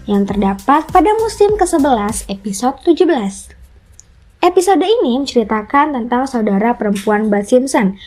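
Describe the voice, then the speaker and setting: A woman narrates a scripted explainer for a video channel in a voice on the high side and a little mellow, with a music bed playing beneath her.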